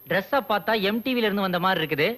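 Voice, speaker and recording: A cheeky compounder in a Tamil comedy film. He talks fast in a raised voice. He answers back with cheeky retorts. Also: high voice, bright, forceful tone. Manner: cheeky and backtalking.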